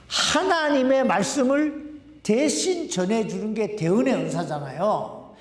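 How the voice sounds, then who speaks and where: A male pastor preaching a sermon in a conversational way, often putting questions to the congregation. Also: high voice. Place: church sanctuary. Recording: echoey hall, voice from a distance.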